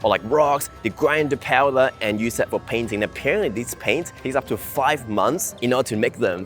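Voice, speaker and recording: A young man from Hong Kong, narrating a walking travel vlog outdoors at a historic palace, enthusiastic and chatty as he explains the sights. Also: medium pitch. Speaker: travel vlogger.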